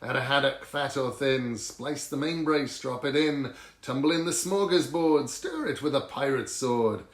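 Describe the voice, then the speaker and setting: A man voicing a rowdy, jolly band of storybook pirates in a loud, bouncy, declamatory chant. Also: mid-range voice, unhurried, few pauses, close to an everyday voice. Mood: joyful. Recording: roomy, echoing sound.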